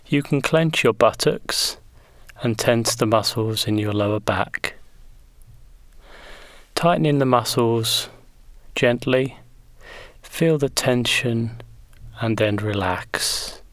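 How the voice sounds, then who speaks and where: A man leading a guided progressive muscle relaxation in slow, gentle, soothing instructions. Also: mid-range voice, dry recording.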